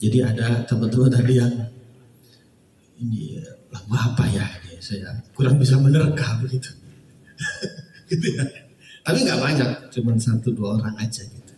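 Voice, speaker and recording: A man's voice: medium pitch, a little fast, dark tone, a little hiss or hum. A male Quran recitation teacher giving casual feedback to students, chuckling often and leaning on filler phrases. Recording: echoey hall, distant mic.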